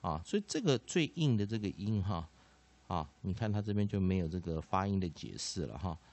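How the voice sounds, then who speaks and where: A man teaching English pronunciation, full of filler particles and slow repeated sounds. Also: sits low, very animated, a little mellow, no room sound. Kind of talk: classroom-style explanation.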